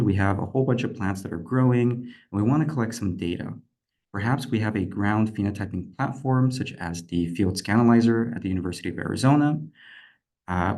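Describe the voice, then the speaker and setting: A young man with a lowish voice walks an online audience through a lecture. He explains steadily over a video call, with the odd filler. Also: darkish tone. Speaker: PhD candidate presenter. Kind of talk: presenting a lecture.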